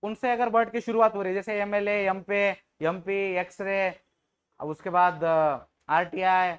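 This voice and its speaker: A man teaches an English grammar class in Hindi, informally joking with and teasing his students and often checking whether they've understood. His high-pitched voice is smooth and steady, at a normal speed.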